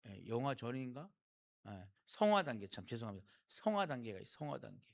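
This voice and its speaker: A man's voice: medium pitch, big pitch swings, fast, gravelly. A male pastor from South Korea giving a sermon, talking with the congregation and asking them rhetorical questions.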